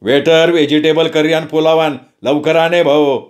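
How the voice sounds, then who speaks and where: A man's voice: fairly high pitch, fairly even intonation, normal speed, lightly acted. Man doing a brash greedy glutton. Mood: demanding. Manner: blunt, demanding.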